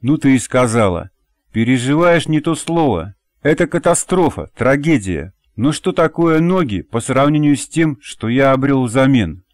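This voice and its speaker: A male audiobook reader voicing a middle-aged father, husky and firm but tender toward his daughter. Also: mid-range voice, animated, moderate pace, no echo, clean studio sound, pitched above the performer's own voice, close to an everyday voice. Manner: firm, husky, gently mocking. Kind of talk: audiobook character voice.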